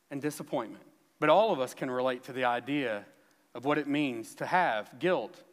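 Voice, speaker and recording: Male pastor, lively swooping pitch, emphatic sermon storytelling, echo of a church hall. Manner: animated, emphatic storytelling preaching.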